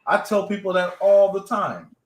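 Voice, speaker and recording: A man's voice: high-pitched, moderate pace, echoey room. A man in his sixties co-hosting a casual live stream, cracking jokes and laughing at his own lines. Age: 60s. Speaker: co-host of a paranormal live stream.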